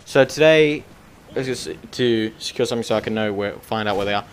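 A man's voice: fairly low pitch, a little fast, slight background noise. A young man giving casual, rambling commentary over his own gameplay, full of fillers. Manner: rambling, filler-heavy, chatty.

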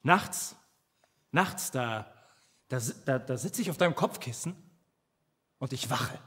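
An actor playing a devoted protective companion who imagines himself tiny and vengeful, speaking in a halting theatrical monologue that keeps stammering and repeating words. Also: male voice, medium pitch, animated, a bit bright, breathy edge, long reverb tail, exaggerated voice. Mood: tender. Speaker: stage actor in a filmed play.

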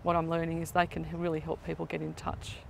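A woman interviewed about her charity work, speaking gently and reflectively. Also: deep voice, monotone, quick pace, vocal fry, slight background noise.

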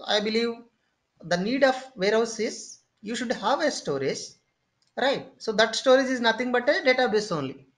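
Tech trainer voice for a screen-share lecture: mid-pitched, unhurried, step-by-step, leans on "okay" between points. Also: animated, fairly bright tone. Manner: explains step by step, often pausing with "okay" and "say"; repeats and restarts phrases while thinking. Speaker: instructor.

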